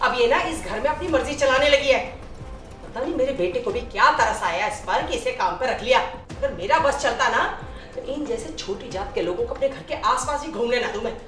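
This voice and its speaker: Acting in a short film, a woman scolds as a proud, casteist mother-in-law who treats her daughter-in-law and maid with contempt. She speaks briskly at a fairly high pitch with lively intonation and a slightly bright tone, in an echoey room with music playing.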